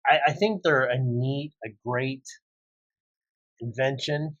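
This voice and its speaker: A man in a relaxed podcast chat who searches for words and fills the gaps with ums and you-knows. His voice sits in an ordinary middle register. The recording is dry and a little dull, with no room sound. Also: medium pitch, slow pace, no echo. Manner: rambling, with many fillers. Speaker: podcast co-host. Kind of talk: casual chat.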